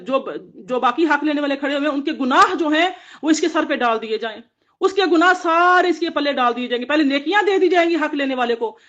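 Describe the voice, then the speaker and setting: A woman's voice: high-pitched, a bit bright. A woman giving an earnest devotional Quran commentary to women, exhorting them in repeated phrases. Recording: dull lo-fi audio.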